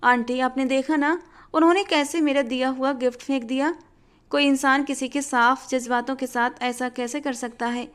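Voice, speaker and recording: A woman's voice: sits high, fairly even intonation, moderate pace, fairly bright tone. A woman voicing a stubborn, tearful young woman. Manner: pleading and defiant.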